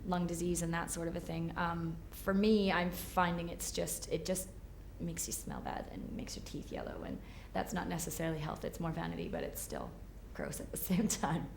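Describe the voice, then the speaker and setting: A woman in her late twenties with a lowish voice answers thoughtfully, pausing on fillers as she thinks. The room around her rings with a clear echo. A faint hiss of noise lies underneath. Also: animated. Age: 20s. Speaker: interviewee. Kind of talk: candid interview answers. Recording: roomy echo.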